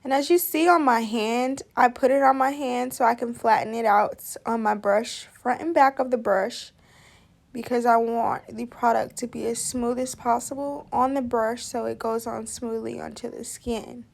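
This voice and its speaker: A woman's voice: a little high, fairly even intonation, moderate pace, vocal fry. A young woman chatting casually through a makeup tutorial voice-over, easygoing and talking through each step. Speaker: makeup artist.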